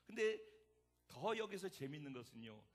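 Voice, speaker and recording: Man, pastor, sermon, high voice, gravelly and husky tone. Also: very animated, normal speed. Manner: dramatic preaching, acts out voices and shouts.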